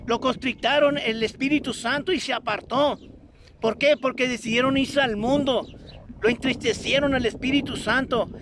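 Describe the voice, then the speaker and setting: A man's voice: extremely high pitch, fairly even intonation, normal speed, a bit bright, slight background noise. A man preaching a fervent sermon to a streamed audience, exhorting listeners with repeated, insistent phrases. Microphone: streamed broadcast.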